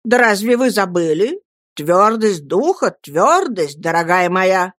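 Stern, chilly stepfather, firm and loud, as a woman reader plays him in a storybook reading. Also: medium pitch, big pitch swings, slow, no room sound, studio quality. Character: stern, cold stepfather, grown man.

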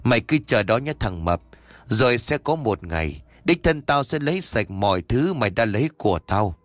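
A man's voice: on the low side, very animated, normal speed, dry recording. A man voicing a bitter young gambler who curses and mutters threats. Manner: cursing, muttering.

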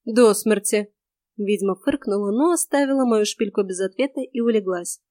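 A woman's voice: medium pitch, brisk, warm tone, no echo. A woman narrating a first-person audiobook in a dry, sardonic manner.

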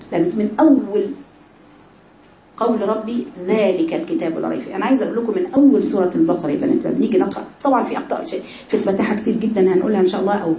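A woman's voice: medium pitch, reverberant, noisy background. A woman with an Egyptian accent teaching Quran recitation rules to a class of women, asking rhetorical questions and demonstrating mistakes aloud. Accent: Egyptian Arabic. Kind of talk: tajweed lesson to women.

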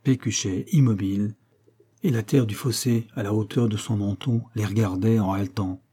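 A man narrating a classic novel as an audiobook, slow and measured. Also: on the low side, fairly even intonation, mellow, slightly rough.

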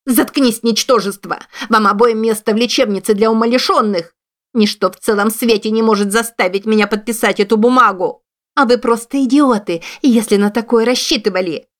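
A woman reading an audiobook, voicing a haughty, hot-tempered young lady who shouts in indignation. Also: medium pitch, normal speed, voice pushed up, close to an everyday voice. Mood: furious shouting.

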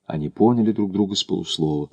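A man narrating an audiobook in a measured literary reading. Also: low voice, vocal fry, a little mellow, slightly rough, no room sound.

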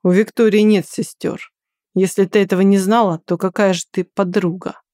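A woman's voice: mid-range voice, steady tone, moderate pace, warm tone, no echo, clean studio sound, lightly acted. A woman reading an audiobook and voicing an angry, sarcastic young man who is the heroine's former lover. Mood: mocking. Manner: pushy, then weary and sarcastic.

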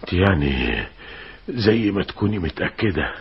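An actor playing a grieving, weary husband who speaks in a mournful, sighing, despairing way with an Egyptian accent, as in a 1960s Egyptian radio drama. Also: male voice, low voice, big pitch swings, normal speed, breathy edge, muffled recording, exaggerated voice. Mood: heartbroken. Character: grieving middle-aged husband, heartbroken and weary.

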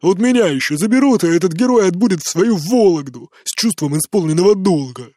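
A drunk, bitter man who drawls slowly and jeers at everyone around him, voiced by a male reader. His speech is slurred and loose, climbing into shouts when he loses control. The voice sits high, and the reading is dry and close. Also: animated, no echo. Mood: furious shouting. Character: drunk bitter middle-aged man, mocking and volatile.

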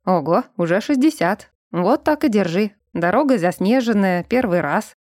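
A calm, self-assured young man giving patient instructions, read by a woman in a storybook. Her tone is mellow and soft, and the recording is dry and close. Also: medium pitch, moderate pace, dry recording, natural voice. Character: calm, confident young man, gently teasing.

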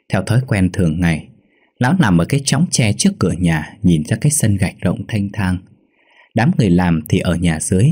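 A man telling a horror story in a slow, measured narration. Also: deep voice, mellow, slightly rough.

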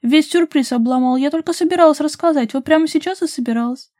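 A woman voicing a playful, teasing young woman in love, speaking high and loud in an audiobook. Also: a little fast, no room sound, clean studio sound, natural voice. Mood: indignant.

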